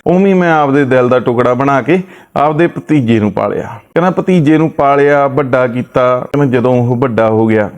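A man's voice: mid-range voice, normal speed. A man, retelling another man's family story and relaying his words with repeated "he says".

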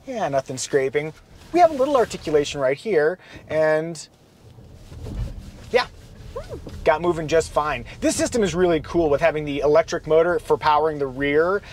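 A man hosting a casual car review from inside a minivan while he drives, chatty and relaxed, with playful asides. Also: on the high side, moderate pace, a little hiss or hum.

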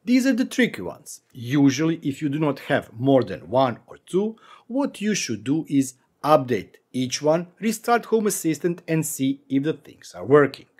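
A man's voice: a little high, sing-song, normal speed, darkish tone, slightly rough. A man in his forties hosting a screen-recorded tech tutorial from a home office, talking through steps with wry asides. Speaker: tech channel host.

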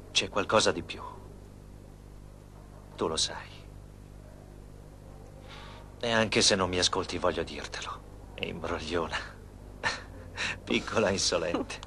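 A man's voice: lowish voice, sharp tone, slight background noise, full character voice. A man voicing a passionate young male professor who declares his love, in a dubbed telenovela. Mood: tender. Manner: pleading, passionate. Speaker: romantic lead.

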